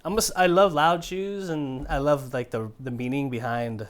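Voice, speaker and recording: A man's voice: mid-range voice, fairly even intonation, normal speed. A man co-hosting a podcast, chatting casually in an upbeat, enthusiastic way, calling his friend "man" and "bro". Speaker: podcast co-host. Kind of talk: casual chat.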